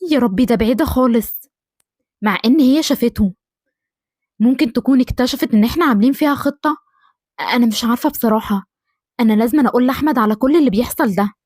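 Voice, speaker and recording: A woman with an Egyptian accent voicing a suspicious, scheming young housewife who mutters quickly to herself. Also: fairly high pitch, darkish tone, dry recording, studio quality, close to an everyday voice.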